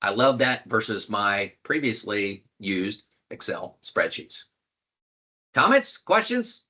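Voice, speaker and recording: A man's voice: on the low side, slow, bright, forceful tone. An older man hosting a casual screen-share tutorial on retirement planning, folksy and emphatic, repeating key points. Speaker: retirement planning video host.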